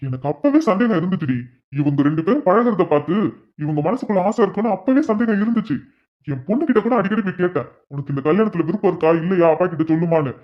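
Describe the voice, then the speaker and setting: A voice actor playing a middle-aged father in a cartoon who is pleased his daughter loves his nephew, speaking in a smug, drawn-out way. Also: mid-range voice, lively intonation, lightly acted. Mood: relieved. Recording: dull lo-fi recording.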